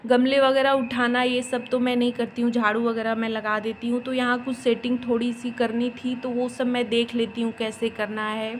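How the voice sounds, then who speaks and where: A woman's voice: a little high, flat delivery, normal speed, hardly any pauses, slight background noise. A woman, a mother, narrating her home vlog in a chatty, explanatory way with homely asides. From India. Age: adult mother. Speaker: home vlogger. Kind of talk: casual voice-over narration of a home cooking and cleaning vlog.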